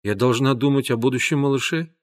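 A man voicing a gentle, worried mother of many children in an audiobook. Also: medium pitch, fairly quick, close to an everyday voice. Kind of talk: audiobook character voice.

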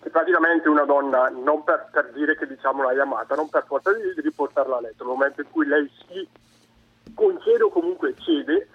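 A man's voice: fairly high pitch, lively intonation, fairly quick, slightly rough, narrow, tinny audio. A man from the Brescia area calling a radio show over the phone, talking hesitantly with lots of fillers. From province of Brescia, Italy. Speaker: radio call-in caller. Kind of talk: casual phone-in chat.

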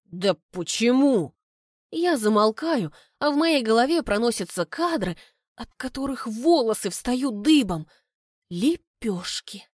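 A woman narrating a first-person audiobook in a lively, ironic storytelling manner, recorded on a close studio mic. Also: on the high side, moderate pace, no echo.

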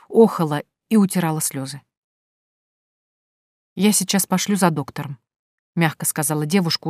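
A woman with a lowish voice reads a novel aloud as an audiobook narrator. Her reading is even and measured. The recording is dry and close, with no room sound. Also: dry recording.

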